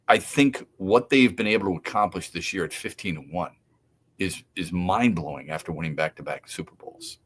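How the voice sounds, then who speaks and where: A man's voice: medium pitch, a bit bright. A man with a Midwestern American accent hosting a sports talk radio show, arguing his points with emphatic rhetorical questions and frequent repeats. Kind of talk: opinionated sports talk monologue.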